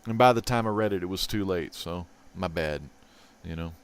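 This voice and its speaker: Chatty, excitable man with a smooth voice. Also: low-pitched, moderate pace. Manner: excitable, chatty, swinging loud to mumbled. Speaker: host. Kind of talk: casual comic haul vlog.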